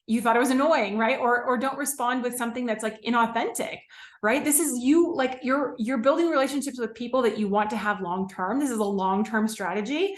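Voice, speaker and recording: A woman's voice: a little high, fairly quick. Chatty woman coaching in an echoey room. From California. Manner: casual, many "like", "okay?" and "right?" tags. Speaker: business coach. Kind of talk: live-streamed coaching talk.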